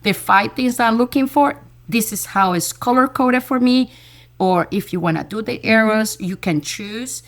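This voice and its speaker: A woman elementary school teacher, a guest in an interview, telling a story in a lively, enthusiastic way and repeating words as she goes. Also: on the high side, unhurried. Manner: lively storyteller who acts out quoted dialogue.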